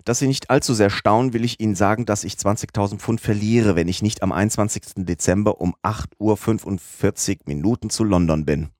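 A man voicing an unshakably calm English gentleman who speaks with composure. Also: fairly low pitch, brisk, few pauses, no room sound, studio quality, pitched above the performer's own voice, natural voice.

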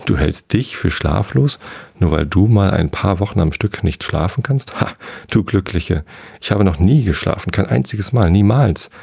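A man's voice: deep voice, expressive, moderate pace, creaky, mellow, breathy edge, no echo, heavily acted. A man voicing a bitter, sleepless nightmare gnome in a bedtime story reading, lecturing in a condescending way.

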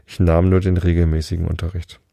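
A man voicing a sad, sighing mock turtle creature in a storybook reading, slow and tearful. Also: low voice, flat delivery, vocal fry, mellow, no echo. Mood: mournful.

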